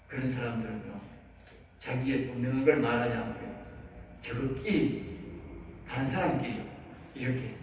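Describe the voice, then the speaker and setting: A man with a Gyeongsang Korean accent, a pastor lecturing a seminary class. He talks emphatically, repeats key phrases and keeps checking that his listeners follow. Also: mid-range voice. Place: church lecture room. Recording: very echoey room, mic at a distance, faint background noise.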